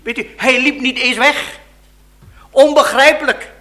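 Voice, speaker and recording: Male preacher, slow deliberate delivery, expressive dramatic sermon storytelling. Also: extremely high pitch.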